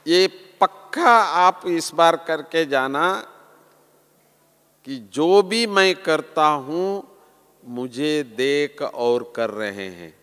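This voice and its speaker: Slow, earnest man preaching in a hall. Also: a little high, animated. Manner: slow, earnest, drops softly at phrase ends. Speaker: spiritual teacher. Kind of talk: sermon to a large gathering. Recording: long hall reverb.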